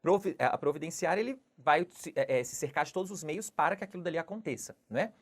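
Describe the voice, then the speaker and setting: A low-pitched woman teaches Portuguese grammar by walking through exam questions. She explains patiently and keeps checking in with the listener after each point. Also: lively intonation, quick pace, husky. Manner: explanatory, repeats "não é?" and "tudo bem?" often. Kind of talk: exam question walkthrough lesson.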